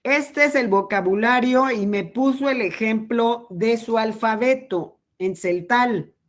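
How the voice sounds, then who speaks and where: Woman, Mexican Spanish accent, training lecture, unhurried, somewhat high voice. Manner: slow, patient explaining with pauses. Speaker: teacher trainer.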